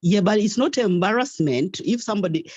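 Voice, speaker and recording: A guest in a casual discussion, speaking thoughtfully and pausing to restart sentences. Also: mid-range voice, expressive, darkish tone, breathy edge, no echo. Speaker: guest caller. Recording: muffled dry lo-fi audio.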